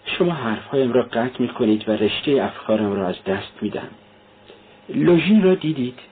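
A man's voice: medium pitch, expressive, slight background noise, lightly acted. A man reading as an irritable feverish young man. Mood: agitated. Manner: curt and agitated. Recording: tinny phone-like sound.

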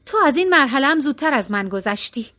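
A woman reading the part of a middle-aged woman who feels life slipping away, earnest and plaintive. Her voice rides high. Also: animated, bright, forceful tone.

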